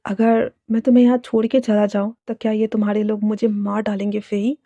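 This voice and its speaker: A woman voicing a young mafia man who speaks softly and earnestly, ready to sacrifice himself. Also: mid-range voice, level tone, brisk, no room sound, muffled recording, close to an everyday voice. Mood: pressing. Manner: soft, quiet, earnest.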